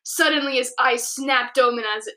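A woman's voice: high voice, normal speed, bright, forceful tone. A young woman reads her old story aloud in a casual way, breaking off with giggly, self-mocking asides. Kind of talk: casual read-aloud with commentary.

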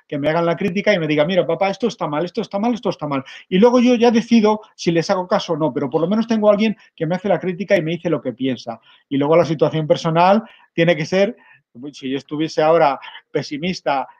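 A middle-aged man with a Spanish accent, giving an energetic online conference talk straight to his audience over a webcam. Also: a little high, dull audio. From Spain. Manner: energetic, direct, addresses audience as "mirad". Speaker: conference speaker.

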